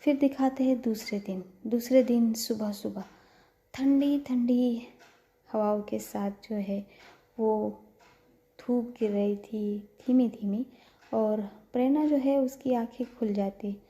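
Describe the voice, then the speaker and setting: A woman's voice: fairly high pitch, fairly even intonation, takes it slowly, dark tone. A woman narrating a love story in a casual, chatty way, with frequent fillers and self-corrections.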